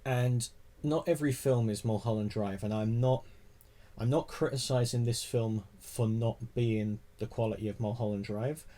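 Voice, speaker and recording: Mellow-voiced man, dry film critic. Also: mid-range voice, fairly even intonation, moderate pace, low-quality recording. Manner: dry, mocks films with put-on voices. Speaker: podcast co-host. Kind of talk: casual film discussion.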